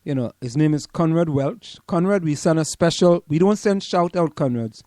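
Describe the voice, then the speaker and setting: Guy on a talk show, kinda high voice, emphatic, stumbles over words, dead dry mic. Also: animated, normal speed, mellow, no room sound. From Trinidad and Tobago. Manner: emphatic, repeats words while thinking aloud. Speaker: radio show host and college professor. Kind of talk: casual radio chat.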